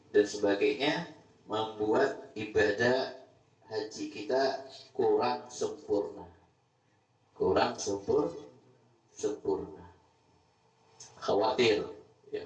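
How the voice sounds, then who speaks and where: A man preaching a sermon to a study gathering, emphatic and repetitive, at times swelling into loud pleading. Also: mid-range voice. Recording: roomy, distant, dull live-stream sound.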